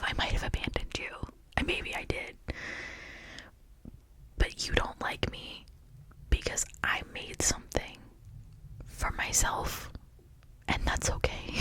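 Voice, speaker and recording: An ASMR video creator and host, a woman, rambles in a breathy whisper that is pushed and bright, her tone reflective, earnest and confiding.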